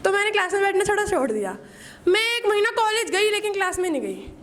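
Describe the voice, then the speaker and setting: A woman's voice: extremely high pitch, very animated, fast talker, a bit bright. A young woman in her twenties doing a first-time stand-up set, telling self-mocking college stories and acting out her strict teachers. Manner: self-mocking storytelling, acts out teachers' scolding. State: nervous, shaking. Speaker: stand-up comedian. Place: small open-mic stage with audience.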